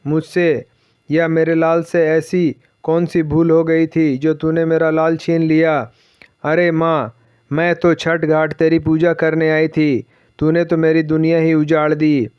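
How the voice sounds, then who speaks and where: A man's voice: a little high, little pitch movement, a little slow, clean tone, dry recording, close to an everyday voice. A man reading the lines of a devout old village mother who pleads and laments, in a slightly dull, dry recording. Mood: anguished.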